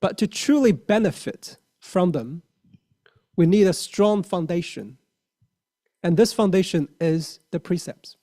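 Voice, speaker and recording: This lay Buddhist speaker, a man in his thirties from China, has a high, mellow, expressive voice and talks a little slowly. His dharma talk is earnest, with a Mandarin accent from his native tongue and plenty of fillers and restarts.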